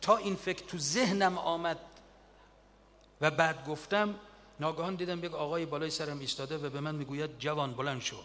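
A man's voice: a little high, steady tone. Earnest man preaching in a reverberant hall. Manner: earnest, emotional retelling of wartime stories with swelling loudness. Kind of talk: sermon-style storytelling.

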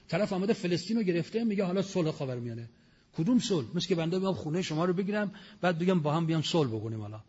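Guy preaching a religious lecture, kinda high voice, husky, long echo, muffled old recording. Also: darkish tone. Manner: emphatic, recites Quranic Arabic verses. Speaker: cleric lecturer. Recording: dull lo-fi recording in a reverberant hall.

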